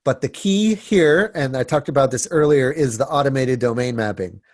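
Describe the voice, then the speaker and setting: A man with a head cold, sniffling and stuffed up, hosts a webinar in a relaxed style full of fillers, repeated words, and restarts. His medium-pitched voice moves at a moderate pace, recorded at studio quality with no room sound.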